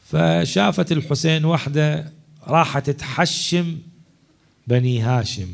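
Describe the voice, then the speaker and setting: A man, a religious orator telling a story in a mourning sermon, swinging between loud cries and hushed asides. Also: a little high, a little slow, creaky.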